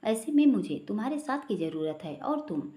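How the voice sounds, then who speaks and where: A woman's voice: mid-range voice, very animated, a little fast, mellow, natural voice. A woman reading an anxious young boyfriend. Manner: anxious, earnest pleading. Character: young man, worried devoted boyfriend. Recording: roomy echo.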